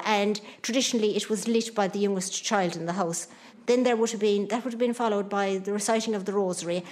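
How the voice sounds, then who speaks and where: A middle-aged woman from rural Ireland talks in a medium-pitched voice with a Kerry accent. She reminisces in an easy conversational style, explaining old ways. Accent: Kerry Irish. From Ireland, County Kerry. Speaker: pub keeper and archaeologist. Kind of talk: conversational reminiscing about local traditions.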